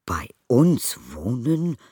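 Storybook husband, middle-aged, uneasy and hesitant, read by a woman in a low raspy voice. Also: expressive, normal speed, fairly bright tone, no echo, clean studio sound, heavily acted.

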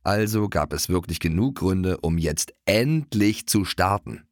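A man narrating a children's audiobook in an expressive, playful way. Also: low-pitched, a little slow, dry recording, studio quality. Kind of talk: scripted narration of a children's book.

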